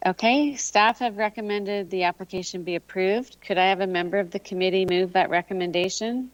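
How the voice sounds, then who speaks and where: A woman's voice: medium pitch, fairly even intonation, brisk. A woman chairing a committee meeting in formal, procedural language. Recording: dull, dry meeting audio.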